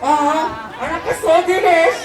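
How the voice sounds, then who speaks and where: A performer as a shrill, quarrelsome Su'ad. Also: steady tone, moderate pace. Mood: indignant. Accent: Yemeni Arabic. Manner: shrill, argumentative. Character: loud, quarrelsome woman named Su'ad. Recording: echoey hall with crowd noise.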